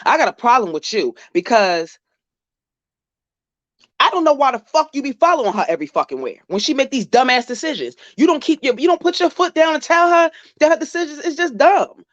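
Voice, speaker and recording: A woman vlogger's high, expressive voice comes a little fast as she delivers blunt, profane scolding aimed directly at the person she's reacting to. It's casual commentary on a dry, lo-fi recording.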